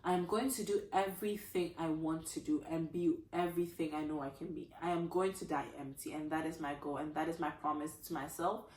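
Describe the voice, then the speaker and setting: A woman from Ghana in her thirties gives a motivational talk straight to camera, her voice a little croaky and fairly low. She speaks with earnest emphasis and piles up repeated phrases. The room around her sounds echoey. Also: fairly even intonation, fairly quick, hardly any pauses, a little mellow, slight background noise. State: slightly croaky voice. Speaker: attorney and author, channel host.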